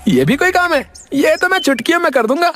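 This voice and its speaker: A voice actor playing a foolish, dim-witted village husband in a cartoon, whiny and silly, often crying out. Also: male voice, very high-pitched, big pitch swings, brisk. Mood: boastful. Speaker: comic lead. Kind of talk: cartoon voice acting. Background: background music.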